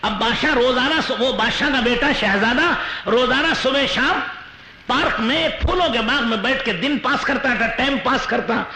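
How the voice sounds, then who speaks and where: A male Islamic preacher telling a story in a sermon, animated, with chuckling asides. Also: very high-pitched. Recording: roomy echo with faint noise.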